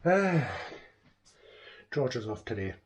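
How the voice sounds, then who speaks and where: Speaking slowly in a sing-song, mid-range voice, a middle-aged man records a relaxed video diary in his living room as a vlogger, frequently leaving sentences unfinished.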